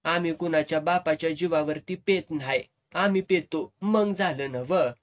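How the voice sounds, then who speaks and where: A man's voice: fairly high pitch, normal speed, lightly acted. A man playing a blustering, defensive troupe partner. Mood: defiant.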